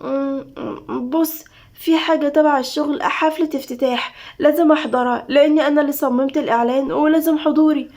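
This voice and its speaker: A woman's voice: high-pitched, fairly even intonation, a little fast, darkish tone. A woman voicing a strained young wife who pleads tensely, in an Egyptian-accented audio story. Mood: pleading.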